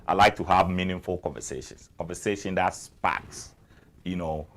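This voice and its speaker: Ghanaian guy with a real low voice, chatty, says stuff twice to hammer it home. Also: moderate pace, fairly bright tone. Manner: talkative, repeats phrases for emphasis. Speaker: interview guest. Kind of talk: casual interview.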